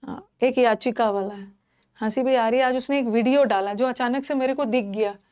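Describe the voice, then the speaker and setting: Animated woman teaching English vocabulary. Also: on the high side, normal speed. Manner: animated, mixes Hindi and English, repeats words for students. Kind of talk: live online vocabulary class.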